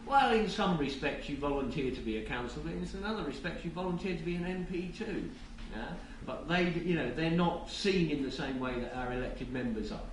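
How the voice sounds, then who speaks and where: A man giving a rushed live lightning talk with wry asides, stumbling and repeating words as he goes. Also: a little high, expressive. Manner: halting, with stammered word repeats. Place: indoor event room with an audience. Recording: echoey noisy room, distant mic.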